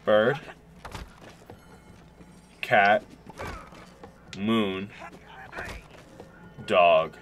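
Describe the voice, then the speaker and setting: A man's voice: on the low side, drawn-out words, pauses often, a bit bright, muffled recording. A man streaming a co-op video game, chatting in a laid-back, profane, joking way. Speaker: gaming streamer. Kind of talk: casual co-op gameplay chat.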